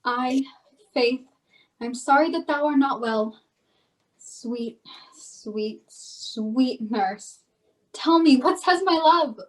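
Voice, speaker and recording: Woman cast as a pleading, lovestruck young girl; high and slow, off-mic. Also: far from the mic, low-quality recording. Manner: impatient, pleading. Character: impatient young girl in love. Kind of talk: amateur Shakespeare reading.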